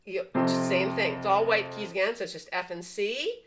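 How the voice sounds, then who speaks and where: Seated at a piano indoors, a woman teaches piano patterns step by step, patiently explaining and counting the beats aloud while the piano plays. Her mid-range voice moves at a moderate pace, though the audio quality is poor.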